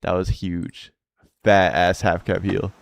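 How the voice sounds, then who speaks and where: A young American man with a slightly low voice, reacting casually as he talks. He sounds like a laid-back frat bro, loose and slangy, with easy swearing and plenty of bro and dude. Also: level tone, slow pace, vocal fry, background noise. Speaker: host reacting to viewer-submitted skateboarding clips.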